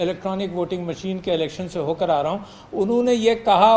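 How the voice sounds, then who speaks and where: A man's voice: sits high, a little mellow. A man from Pakistan, a politician on a talk show panel, insistently repeating himself to hold the floor in a debate.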